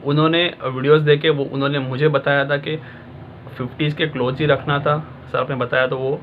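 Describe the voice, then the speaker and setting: Slightly high-voiced man coaching students. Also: lo-fi sound, slight background noise. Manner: direct, conversational, addresses students as peers. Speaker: exam-prep tutor. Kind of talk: casual coaching talk to students.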